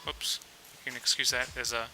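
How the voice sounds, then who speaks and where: A developer from New Zealand runs a casual coding livestream in a mid-range voice with a New Zealand accent, talking a little fast. Relaxed as he works, he thinks out loud with plenty of fillers. The audio is very noisy.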